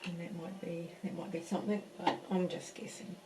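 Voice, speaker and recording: A woman with a lowish voice and little pitch movement teaches a live painting class from her home in a French village, talking briskly. She chats casually while working, thinking aloud with fillers and restarts. Heavy background noise runs through the recording.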